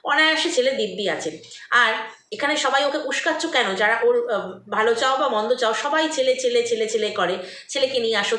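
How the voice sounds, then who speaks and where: A woman's voice: high-pitched, fairly bright tone, far from the mic. A woman vlogger giving a scornful, gossipy commentary monologue, with many hesitations. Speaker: vlogger commenting on an online feud. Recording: echoey room, voice off-mic.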